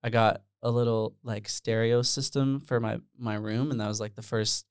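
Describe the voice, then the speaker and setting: In casual interview chat, a Dutch-born guest musician in his twenties rambles along with plenty of fillers and self-deprecating remarks, his smooth, mid-range voice fairly even and at normal speed. He uses a handheld dynamic mic and headphones in a small bare-walled room, and the studio-quality recording has no echo.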